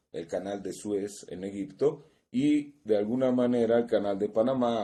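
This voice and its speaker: A low, mellow-voiced Italian man, a native Italian speaker, gives an academic conference presentation over a video-call microphone. As a seminar presenter he is measured, works from notes, and pauses to find words.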